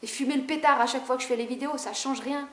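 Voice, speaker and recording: Woman, high-pitched voice, fast and talkative, casual spiritual vlog, echoey room. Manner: fast, talkative, animated and a bit rebellious. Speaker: spiritual vlogger. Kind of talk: casual spiritual monologue to camera.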